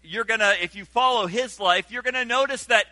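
A man preaching to his congregation with a high, lively delivery and a very bright, sharp tone. He grew up in Senegal and draws the listeners in with call-and-response. The sound is dry and close. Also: fairly quick, dry recording. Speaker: pastor. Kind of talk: sermon.

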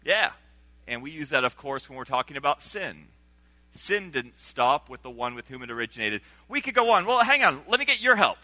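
Animated preacher man, high bright voice. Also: a little fast, no room sound. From Senegal. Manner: animated, engaging the congregation with call-and-response. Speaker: pastor. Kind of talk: sermon.

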